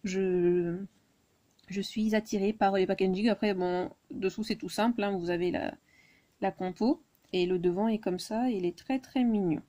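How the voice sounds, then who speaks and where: A woman's voice: medium pitch, fairly even intonation, moderate pace, warm tone. A woman chatting casually through a shopping haul video, full of hesitations and fillers. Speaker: YouTuber presenting a shopping haul.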